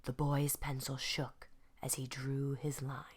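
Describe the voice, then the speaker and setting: Slow, expressive woman storyteller. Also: rumbling low, slightly rough. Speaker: art teacher reading aloud. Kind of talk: children's storybook narration.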